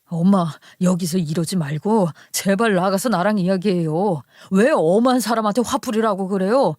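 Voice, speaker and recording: A woman's voice: medium pitch, moderate pace, darkish tone, dry recording, clean studio sound, voice pushed down, close to an everyday voice. A woman voicing a flustered young man who pleads with his mother in an exasperated way, in a told story. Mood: pleading. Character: panicked young man, embarrassed grown son.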